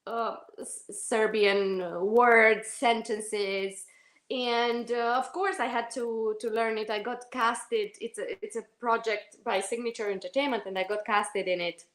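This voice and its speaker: A Romanian actress answers interview questions in a fairly high, steady voice at a measured pace. She sounds thoughtful and hesitant, correcting herself often and filling her speech with fillers and restarts. The room is echoey.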